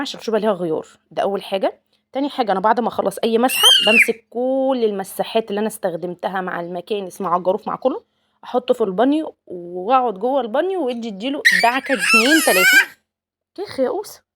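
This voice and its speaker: A woman's voice: mid-range voice, bright, forceful tone, a little hiss or hum. A young woman with an Egyptian accent, chatting with viewers in a home vlog while she cleans her apartment, laughing often. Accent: Egyptian Arabic. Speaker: home vlogger, mother.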